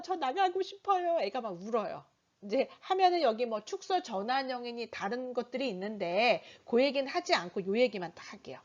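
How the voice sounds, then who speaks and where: Animated middle-aged lady teaching parents, voice bouncing up and down, kinda muffled lo-fi sound. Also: a little high. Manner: animated, acts out parent and child dialogues; asks the audience rhetorical questions. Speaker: parenting lecturer. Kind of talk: online parenting lecture.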